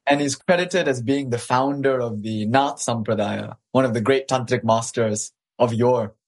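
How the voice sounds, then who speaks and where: A man's voice: mid-range voice, normal speed. Articulate young man. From Malaysia. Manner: articulate, warm, laughs often. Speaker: guest. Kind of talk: conversational interview.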